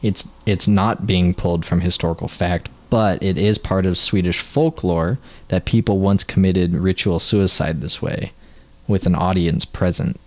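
Male co-host, very low pitch, dry close mic, casual trivia reader who stumbles on words. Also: fairly even intonation, measured pace, no room sound. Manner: reads facts aloud, trips over words. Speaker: podcast co-host. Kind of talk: casual chat, reading trivia notes.

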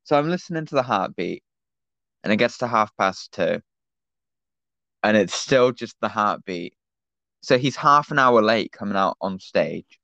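A man's voice: lowish voice, lively intonation, measured pace, gravelly, long pauses, sharp tone, dry recording, dull audio. A teenage man, co-hosting a casual podcast and telling a rambling anecdote with lots of fillers over an online call. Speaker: podcast co-host. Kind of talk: casual chat, storytelling.

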